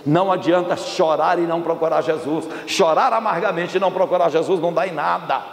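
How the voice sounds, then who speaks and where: A man preaching voices Jesus calling a disciple aside, in a slow, earnest, coaxing way. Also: a little high, vocal fry, roomy sound, big-room sound. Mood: tender, urging.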